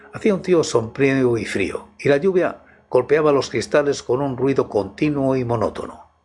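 A man narrates scripted horror stories in a hushed, intimate half-voice, as if right in the listener's ear. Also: medium pitch. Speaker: channel host and horror story narrator. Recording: music behind the voice. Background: background music.

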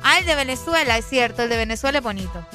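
A woman's voice: a little high, animated, fast talker, pushed and bright, soft background music. A woman co-hosting a radio show, chatting casually and playfully, laughing and trying out accents. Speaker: radio co-host. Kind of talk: casual chat.

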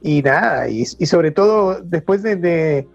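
Relaxed man, slightly muffled. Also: fairly high pitch, unhurried, gravelly, faint music behind. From Uruguay. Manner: relaxed, rambling with restarts. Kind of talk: casual conversation. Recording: slightly dull lo-fi sound.

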